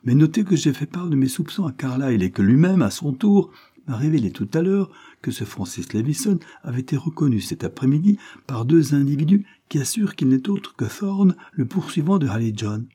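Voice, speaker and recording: A man reading an audiobook voices a proud young wife who speaks with fervent, accusing emphasis, lifting his voice higher for her. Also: big pitch swings, a little fast, warm tone, breathy edge.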